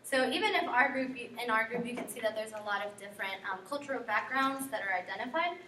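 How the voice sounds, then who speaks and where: A young woman from guatemala talks through a class presentation, earnest and sprinkled with ums. her voice sits a little high and comes from across an echoey classroom. faint background hiss. recorded from far off. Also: animated, quick pace, bright, forceful tone. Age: young adult. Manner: earnest, filler-heavy with frequent ums and likes. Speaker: student presenter.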